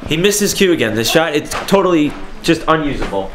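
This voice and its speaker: A man's voice: fairly high pitch, very animated, brisk. A man playing a grumpy cinematographer who speaks curtly and sarcastically. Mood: irritated. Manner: curt, irritated, sarcastic. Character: grumpy male cinematographer Wolf. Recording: echoey room with noise.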